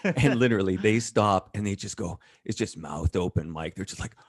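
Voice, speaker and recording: Blunt low-voiced man telling stories. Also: moderate pace, breathy edge, dry recording, studio quality. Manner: blunt, profane, animated storyteller. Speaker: interview guest. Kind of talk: casual storytelling interview.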